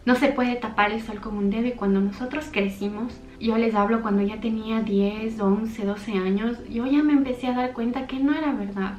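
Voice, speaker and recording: A woman's voice: on the high side, dull audio. A young woman tells a personal story from her childhood to her channel in an earnest, heartfelt, intimate way. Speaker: YouTuber. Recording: echoey room.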